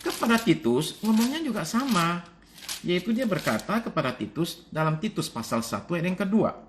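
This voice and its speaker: Lively, chatty male preacher. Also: high-pitched, moderate pace, a little hiss or hum. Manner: lively, chatty preaching, often asks "Oke?". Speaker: pastor. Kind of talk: conversational sermon with Bible reading.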